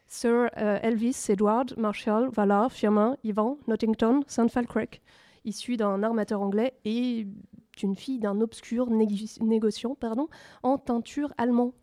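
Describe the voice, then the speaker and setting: A woman expert gives precise, detailed explanations in a fairly high, warm voice. The sound is dry and close. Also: fairly even intonation, a little slow, dry recording. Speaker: expert guest. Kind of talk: mock-documentary exposition.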